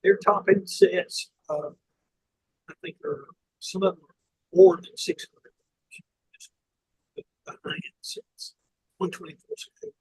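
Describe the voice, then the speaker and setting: A high-voiced man speaks slowly through a faulty microphone that makes him sound underwater. His words come out murky and rough, halting and trailing off in a casual chat. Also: a little mellow. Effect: muffled, garbled mic that sounds underwater.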